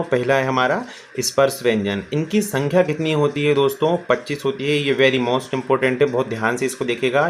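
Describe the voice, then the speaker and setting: A male teacher giving a grammar lesson, who keeps asking questions and answering them himself, addresses viewers as friends, and slowly stretches out sounds as examples. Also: mid-range voice, slight background noise.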